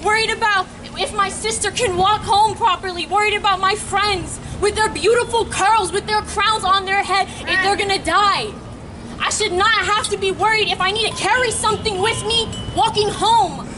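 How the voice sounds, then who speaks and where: A New York girl in her late teens gives an earnest, emphatic protest speech at a student rally in an outdoor plaza, sometimes stopping and restarting mid-sentence. Her voice is extremely high-pitched with a steady tone. A distant outdoor mic picks up cheering crowds and traffic.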